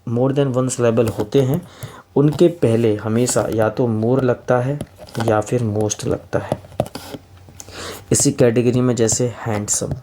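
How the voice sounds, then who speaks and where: Indian male grammar teacher, mellow voice, patient and fond of his students. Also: medium pitch, a little hiss or hum. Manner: reads English sentences slowly, then explains in Hindi; addresses students affectionately as kids and friends. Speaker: English teacher.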